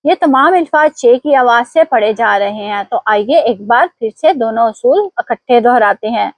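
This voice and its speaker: A woman teacher giving an online language lesson, explaining pronunciation rules slowly and quizzing her viewers. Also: on the high side, lively intonation, no echo. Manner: slow, deliberate explanations with quiz prompts.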